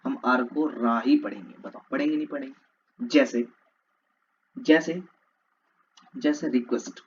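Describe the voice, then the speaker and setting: A man's voice: mid-range voice, a little slow. A male teacher giving an exam-prep lesson, drilling words with repeated call-and-response questions. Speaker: English teacher. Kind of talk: classroom lecture for exam prep. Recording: slightly dull lo-fi audio with faint hiss.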